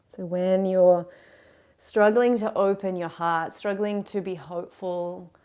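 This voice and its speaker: A woman yoga teacher leading a guided class, cueing breath and movement in a gentle, encouraging, unhurried way. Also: fairly low pitch, fairly even intonation, clean tone.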